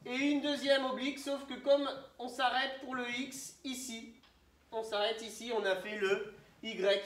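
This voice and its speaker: A man teaching young children, asking questions and spelling words out slowly syllable by syllable. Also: extremely high pitch, a bit bright, distant mic. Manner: questioning, prompting pupils to answer. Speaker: primary school teacher. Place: classroom. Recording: roomy echo, voice from the mic.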